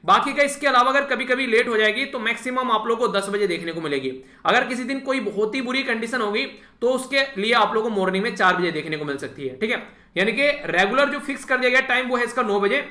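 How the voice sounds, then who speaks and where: A man teaches an exam-prep lesson at a brisk pace. His voice sits high and sounds bright and forceful. The room around him echoes. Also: animated. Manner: repeats "thik hai" as a filler, addresses students directly. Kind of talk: casual spoken lecture.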